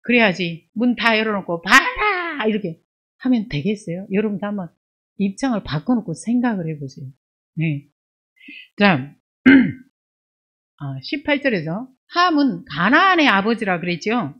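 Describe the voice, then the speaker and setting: A woman pastor preaching an expository sermon. She reads scripture aloud in a raised, emphatic voice, then explains it in a lower conversational tone full of rhetorical questions. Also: lively intonation, unhurried, slightly rough, dull audio.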